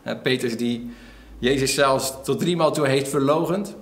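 A man preaching a sermon, retelling a story lively with acted-out quotes and frequent fillers. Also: mid-range voice, normal speed, echoey room. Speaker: pastor.

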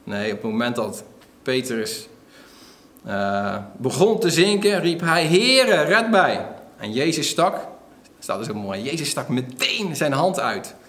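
A man preaching a sermon, retelling a story lively with acted-out quotes and frequent fillers. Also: medium pitch, measured pace, roomy sound. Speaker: pastor.

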